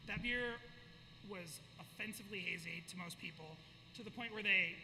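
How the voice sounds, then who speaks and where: A man with a high voice explains brewing in quick, casual speech. His voice hangs in a long reverb, and clear noise runs beneath it. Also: bright, forceful tone. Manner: knowledgeable, explanatory. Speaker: brewer. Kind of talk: casual chat.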